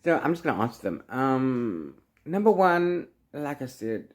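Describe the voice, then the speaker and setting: A book vlogger with a medium-pitched, very animated voice chats unhurriedly in a casual reading vlog. He rambles playfully and theatrically, trailing off into "blah blah" and "la-la" fillers.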